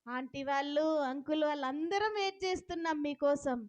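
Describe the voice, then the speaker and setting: This woman hosts a children's puppet show, speaking playfully and instructively to the children and the puppet and frequently asking them questions. She has a high, brisk voice.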